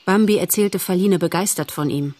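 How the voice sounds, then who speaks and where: A woman narrating a children's animal story in a measured, expressive audiobook reading. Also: fairly low pitch, noisy background.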